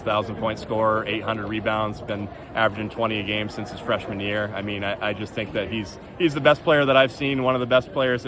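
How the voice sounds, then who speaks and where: A man's voice: on the low side, noisy background. A man speaking as a basketball coach in a casual, earnest postgame interview.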